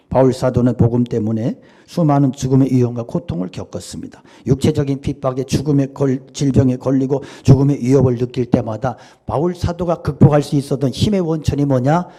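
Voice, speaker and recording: Animated Korean preacher man. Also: medium pitch. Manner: animated preaching, shifts between loud exclamations and hushed intimate tones; sings hymn lines slowly. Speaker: pastor. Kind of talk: Sunday sermon.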